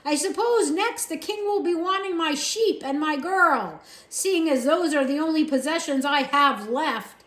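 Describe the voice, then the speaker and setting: A woman's voice: high-pitched, big pitch swings, a little slow, hardly any pauses, pitched above the performer's own voice. A woman voicing a poor, bearded man who is indignant and outraged, recorded in an echoey room.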